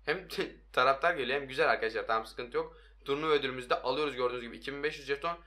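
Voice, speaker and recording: A young man giving excitable, hoarse-voiced commentary on his own mobile football game, talking to his viewers and shouting at his players. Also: mid-range voice, very fast. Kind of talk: live gameplay commentary.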